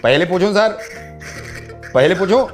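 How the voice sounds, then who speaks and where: A man's voice: high-pitched, animated, normal speed, soft background music. A man hosting a radio show, making a prank call and telling a joke story to a caller in a teasing, chatty way. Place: radio studio in Delhi.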